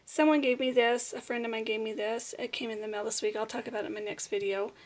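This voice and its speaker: A middle-aged American woman with a hoarse, raspy voice that is giving out into whispery patches, chatting casually and informally as she gives a tour. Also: fairly high pitch, fairly even intonation, quick pace. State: hoarse, losing her voice. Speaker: vlog host. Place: small room at home, indoors.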